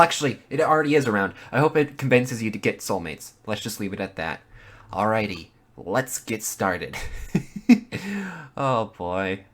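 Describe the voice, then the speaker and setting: A man with a squeaky, chipmunk-like voice, chatting casually and giggling as he introduces a reading. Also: a bit bright. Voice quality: high-pitched, squeaky "chipmunk" voice. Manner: giggly, breaking into laughter. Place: bedroom.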